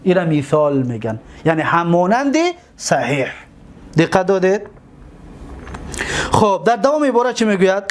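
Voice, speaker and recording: A man with a Tajik accent teaching a grammar lesson, drilling word forms slowly and answering his own questions. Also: sits high, sing-song. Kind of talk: classroom lecture, explaining grammar.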